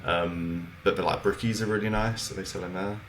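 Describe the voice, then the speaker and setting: A British man with a very deep voice talks in a loose, halting way, full of fillers and restarts as he chats. A faint hiss of background noise sits under him. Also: steady tone, fairly bright tone. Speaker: podcast co-host. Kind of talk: casual chat.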